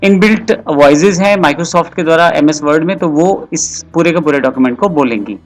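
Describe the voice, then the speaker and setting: A man giving a patient, step-by-step software tutorial voice-over as a computer course tutor. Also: a little high, fairly quick.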